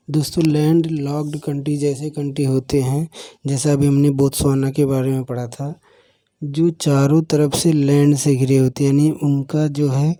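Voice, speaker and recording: Male tutor, dark mellow voice, fairly high pitch, flat and steady delivery, dry close sound, quizzes himself aloud. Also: dry recording. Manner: mixes English phrases into Hindi, repeats key points; asks and answers his own quiz questions. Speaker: exam coaching teacher. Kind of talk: explanatory lecture.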